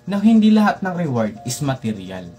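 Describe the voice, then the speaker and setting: A young man hosting a comedic tutorial, lecturing playfully and jumping up in pitch for emphasis. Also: big pitch swings, normal speed, dark tone, soft background music. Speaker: tutorial host.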